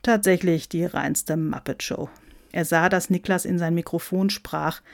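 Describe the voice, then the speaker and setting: A woman with a fairly low voice reading a humorous story aloud in a wry, lively way. The recording is dry and close, with no room sound. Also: a little slow, vocal fry, dry recording. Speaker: narrator.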